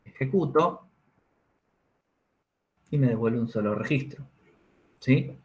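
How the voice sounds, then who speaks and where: Taking things slowly, a man with a medium-pitched voice teaches his class. Each step gets explained, and tag questions let him check that students understand.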